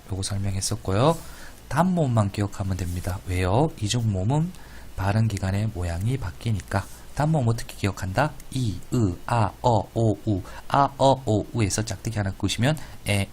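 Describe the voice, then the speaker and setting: A man gives a grammar lesson in an average-pitched voice, joking around and acting out vowel sounds as he goes. He keeps checking in with his students. A faint hiss sits under the recording. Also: a little mellow. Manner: playful, drawn-out vowel demonstrations, frequent checking questions. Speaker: teacher. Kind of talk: grammar lecture.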